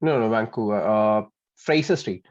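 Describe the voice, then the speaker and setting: A man student giving short, quick answers to his instructor over a call. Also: on the low side. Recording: dull lo-fi call audio.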